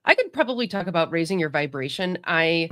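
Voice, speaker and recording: A woman's voice: on the low side, very animated, brisk, a bit bright. A woman appearing as a psychic guest on a live talk show, speaking in an easygoing way. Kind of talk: casual live chat.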